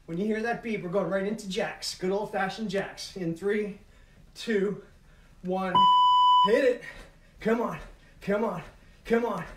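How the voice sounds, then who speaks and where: A man's voice: high-pitched, a little slow. A middle-aged man calling out moves as an aerobics instructor, urging and motivating while he exercises. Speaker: fitness instructor leading a home workout. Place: carpeted living room at home. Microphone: camera several metres away. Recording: echoey room, distant mic, noisy.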